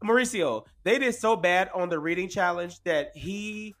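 A man's voice: high-pitched, lively intonation, normal speed, fairly bright tone, faint music behind. A man co-hosting a casual podcast, giving opinions in slangy drag-scene phrases. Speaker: podcast co-host.

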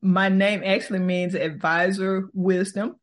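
A woman, answering interview questions in a thoughtful, unhurried way and laughing easily. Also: medium pitch, little pitch movement. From Texas, US. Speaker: podcast host, guest.

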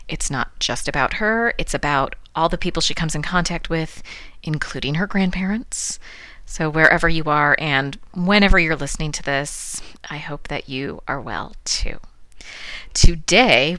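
A woman's voice: deep voice, bright, forceful tone, clean tone, no echo. A middle-aged woman hosting a classics podcast, giving a scripted lecture with wry, dry asides. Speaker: podcast host teaching classics.

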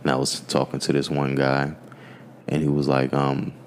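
A man from the United States in casual conversation, telling stories in a relaxed way with many fillers. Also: a bass voice, moderate pace, a little hiss or hum.

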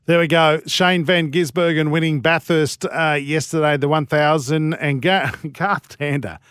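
A man's voice: a little high, fairly even intonation, a little slow, a bit bright, clear, resonant tone, dry recording, clean studio sound. A blokey Australian man bantering casually as a sports radio host, with a cheeky, matey manner. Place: radio studio.

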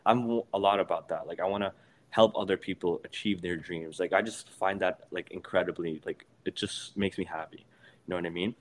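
A teenage man talking as a podcast guest in casual, opinionated chat, animated and often restarting his sentences. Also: low voice, fairly quick, slight background noise. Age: teens.

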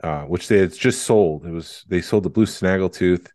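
A man's voice: sits low, moderate pace, a little mellow, no echo, studio quality. A man co-hosting a podcast, chatting casually and telling a rambling story. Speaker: podcast co-host. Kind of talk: casual chat.

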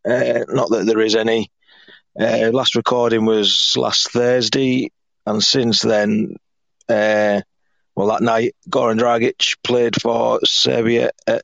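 Croaky, hoarse man hosting a podcast. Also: fairly low pitch, fairly bright tone, no room sound, highs cut off. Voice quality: croaky, frog-in-the-throat voice. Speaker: podcast host. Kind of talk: casual sports podcast chat.

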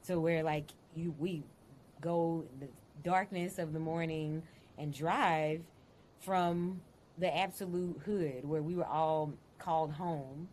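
Low-voiced woman telling a candid story. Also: steady tone, slow pace, darkish tone, slight background noise. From Dallas, Texas. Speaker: podcast guest. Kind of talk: casual conversation.

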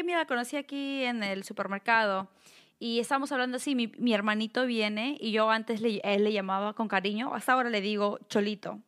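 Animated young woman telling stories. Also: fairly high pitch. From Peru. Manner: animated storyteller, acts out quoted voices. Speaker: podcast co-host. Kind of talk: casual conversation.

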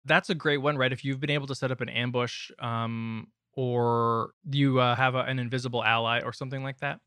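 A man's voice: medium pitch, flat delivery, a little fast, sharp tone, clear, resonant tone, no echo. A man, co-hosting a gaming podcast with casual, conversational talk. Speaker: podcast co-host.

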